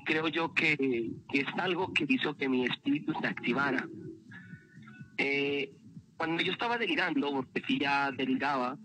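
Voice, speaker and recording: A man's voice: mid-range voice, normal speed, bright, forceful tone, slight background noise, rough recording. A man, a motivational speaker, telling an emotional personal story as a guest on a livestream. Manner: earnest, emotional, repeats words.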